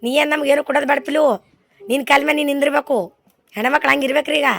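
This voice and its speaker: Mom vlogger, gravelly husky voice, bit high, soothing and coaxing. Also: female voice, little pitch movement, racing, a bit bright. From Maharashtra border region. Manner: comforting, coaxing, speaks to viewers as friends. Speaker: vlog host, mother. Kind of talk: family vlog chat.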